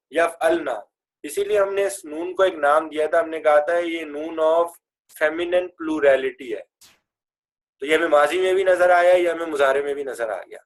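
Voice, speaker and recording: ایک مرد استاد کلاس میں عربی فعل کے صیغے پڑھاتا ہے، انگریزی اصطلاحات ملا کر بولتا ہے اور طلبہ سے صیغے دہرواتا ہے۔. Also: male voice, a little high. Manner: chants verb forms and has students repeat; mixes English grammar terms into his speech. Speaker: Arabic grammar teacher. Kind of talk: classroom lesson with recitation drills.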